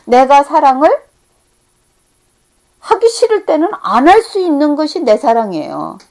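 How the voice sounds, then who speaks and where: High-voiced woman preaching a sermon. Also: sing-song, unhurried. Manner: earnest, rising to emphatic peaks then dropping to hushed tones.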